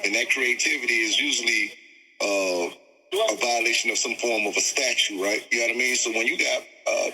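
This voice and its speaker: Man in his forties, low voice, bright tense tone, long reverb. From Miami, Florida. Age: 40s. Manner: measured, halting, searches for words. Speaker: interview guest, incarcerated man. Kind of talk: conversational interview.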